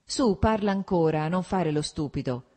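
A woman's voice: fairly low pitch, lively intonation, normal speed, mellow. A woman doing a curt young officer. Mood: impatient.

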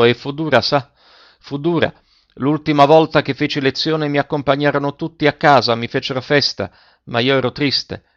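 A man's voice: medium pitch, fairly bright tone, dry recording, pitched above the performer's own voice, lightly acted. A man voicing a frail old retired male schoolmaster with a slightly trembling but full voice, courteous and wistful, in a dull lo-fi recording. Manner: courteous, wistful, slow remembering.

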